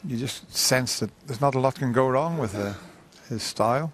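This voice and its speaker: A man giving live snooker commentary in a hushed, measured delivery. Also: medium pitch. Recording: crowd ambience and background noise. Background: snooker arena audience ambience.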